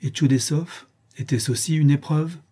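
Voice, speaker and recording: A seventeen-year-old noblewoman, earnest and quietly defiant, speaking in a raised, clear tone, as a male reader puts her on. Her voice is mellow with a slight husk. It is a storybook reading. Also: on the high side, fairly even intonation, normal speed, pitched above the performer's own voice. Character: proud, steady young noblewoman of seventeen.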